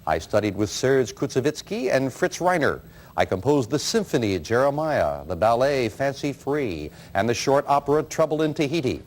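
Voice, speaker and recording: A man's voice: mid-range voice, sing-song, moderate pace. A man hosting a TV quiz show, reading questions and bantering teasingly with contestants. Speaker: game show host. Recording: loud studio crowd noise. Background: studio audience.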